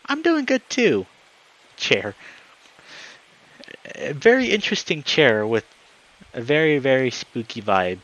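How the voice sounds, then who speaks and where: This live streamer has a mid-range voice and speaks slowly, pausing often, on a muffled recording. He alternates between friendly chatting and reading a story aloud, staying upbeat and friendly and growing excitable as he welcomes viewers.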